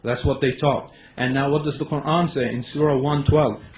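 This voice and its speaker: A man from Los Angeles presents his case in a debate. He is slightly nervous, with hesitant starts and sudden quick runs of words. His voice echoes around a hall over faint noise. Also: medium pitch, fairly even intonation. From Los Angeles, United States.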